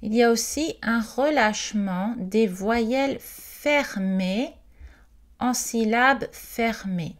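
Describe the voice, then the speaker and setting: A woman's voice: fairly high pitch, slow pace. A woman reading an informational presentation aloud, carefully and with the odd hesitant aside. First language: not Quebec French.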